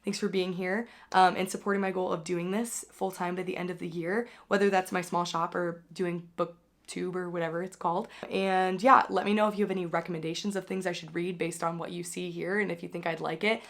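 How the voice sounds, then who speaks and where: A young woman with a hoarse voice, still recovering from being sick, hosting a casual book wrap-up and chatting loosely with lots of filler words. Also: lowish voice, flat delivery, fairly quick. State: hoarse, recovering from losing her voice. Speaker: book channel host. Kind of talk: casual reading wrap-up chat.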